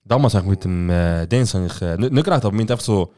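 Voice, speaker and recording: Fast-talking Swiss German storyteller man. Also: deep voice. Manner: animated storyteller acting out quoted dialogue. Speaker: podcast co-host. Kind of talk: casual chat.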